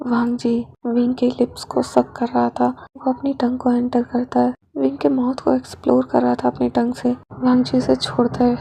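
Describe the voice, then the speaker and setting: A woman reading a fanfiction story aloud as narrator, with lively, expressive delivery. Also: a little high, moderate pace, gravelly, few pauses, breathy edge.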